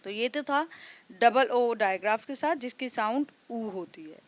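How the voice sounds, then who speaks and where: A woman's voice: on the high side, unhurried. Woman sounding out phonics letter by letter. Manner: sounds out words letter by letter, patient. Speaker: teacher. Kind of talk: phonics lesson.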